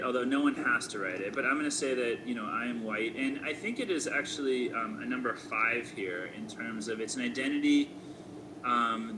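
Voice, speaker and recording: A man's voice: mid-range voice, noisy background. A man of forty reflecting aloud in a thoughtful, hesitant way, with frequent fillers. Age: 40s. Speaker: school staff member. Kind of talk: casual reflective conversation.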